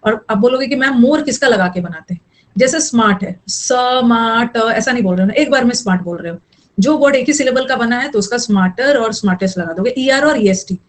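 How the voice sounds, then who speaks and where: A woman's voice: fairly high pitch, expressive, quick pace, rough recording. A young woman teaching an online English grammar class, mixing explanation with chatty scolding asides to her students.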